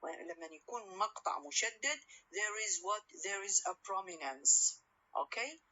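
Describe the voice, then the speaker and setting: A university lecturer delivers a recorded lecture that switches between English and Arabic, patiently explaining and posing rhetorical questions she then answers. Her mid-range voice is brisk, bright, and forceful, with lively intonation, though the recording sounds muffled.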